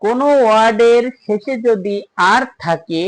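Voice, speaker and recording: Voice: medium pitch, a little slow, low-quality recording. A teacher patiently explaining pronunciation rules, talking straight to viewers and repeating each point. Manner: repetitive, patient, addresses viewers directly. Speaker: English teacher.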